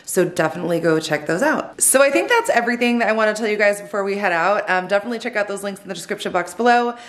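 A woman's voice: medium pitch, expressive, racing, no echo. Woman, middle-aged, casual vlog chatter, rambling with fillers, handheld camera. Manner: chatty, rambling with many ums. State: out of breath after running in. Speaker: vlogger mother. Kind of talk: casual family shopping vlog. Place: car, then inside a busy store.

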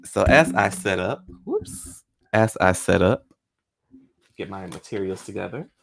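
A man in his forties with a low, creaky voice speaks at a measured pace but sounds animated. He's a guest scientist, friendly and methodical, guiding viewers step by step through a hands-on experiment at home. He's in a small home room, using a studio condenser mic with a pop filter and wearing headphones.

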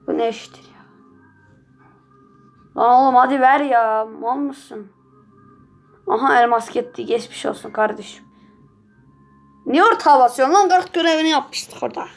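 Gravelly, excitable woman gaming streamer. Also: sits high. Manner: excitable, swears and yells at the game. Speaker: gaming channel host. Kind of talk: casual gameplay commentary.

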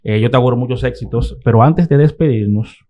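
A man's voice: medium pitch, brisk, lo-fi sound. A man hosting an interview, asking questions and encouraging his guest. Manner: encouraging, short backchannels. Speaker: interviewer host. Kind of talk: casual interview.

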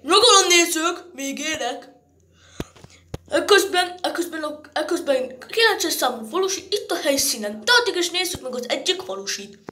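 A woman's voice: high voice, sing-song, a bit bright. A woman fan-dubbing a cartoon, playfully switching between character voices. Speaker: fan dubber voicing every character.

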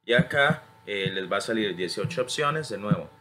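Bright-toned teacher. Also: male voice, on the low side, animated, moderate pace, slight background noise. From Costa Rica. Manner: switches between English and Spanish, models words for repetition. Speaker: English teacher. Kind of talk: screen-recorded tutorial.

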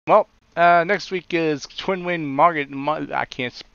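A man's voice: fairly high pitch, moderate pace, creaky, a bit bright, clear, resonant tone, no echo, lo-fi sound. A man hosting and commentating a sim racing league, blunt and often exasperated at the crashes. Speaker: race commentator and league host.

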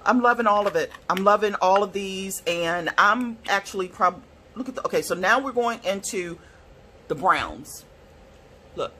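A woman reviewing art supplies in a casual swatch video, gushing and excitable, gasping and squealing over the colors. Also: mid-range voice, moderate pace, a little hiss or hum. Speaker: product reviewer.

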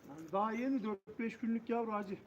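A man's voice: sits high, fast talker, highs cut off. A man chatting colloquially as a pigeon breeder answering questions. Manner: colloquial, addresses listener as mate or brother. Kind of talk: casual chat, answering questions. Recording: noticeable ambient background noise.

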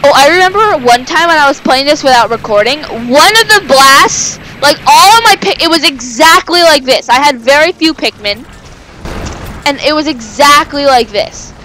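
Brief: high-voiced woman, lively swooping delivery, chatty let's-play commentary, easily excited. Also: moderate pace, a little hiss or hum, low-quality recording. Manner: excitable, rambling, with sudden exclamations. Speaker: video game let's player. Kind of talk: casual gameplay commentary.

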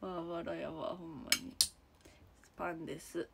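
A woman's voice: fairly low pitch, little pitch movement, a little slow, vocal fry, noisy background. A young woman with a Kansai accent chatting casually on a livestream from her room, answering viewers one by one and giggling often. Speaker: idol livestreamer. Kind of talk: casual livestream chat reading comments. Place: room at home.

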